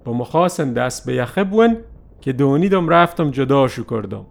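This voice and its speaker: A man narrating a first-person story in a lively, animated way. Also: medium pitch, gravelly.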